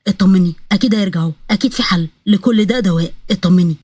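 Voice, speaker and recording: A woman's voice: medium pitch, fast talker, dark tone, husky, no echo, studio quality, pitched below the performer's own voice, close to an everyday voice. A woman with an Egyptian accent voicing a desperate young prince who pleads emotionally. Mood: gentle. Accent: Egyptian Arabic.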